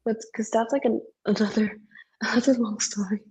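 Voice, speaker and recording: A young adult woman who grew up speaking Indonesian vents in English as a podcast co-host in a casual chat, rambling, swearing, and using lots of filler words. Her voice is on the high side, steady, a little mellow, with a breathy edge, at normal speed.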